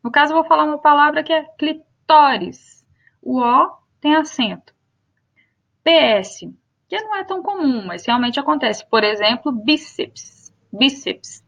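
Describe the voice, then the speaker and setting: High-voiced Brazilian woman teaching grammar. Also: animated, gravelly, a bit bright, muffled recording. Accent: Brazilian Portuguese. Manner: spells out and repeats example words slowly. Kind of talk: spoken grammar lesson.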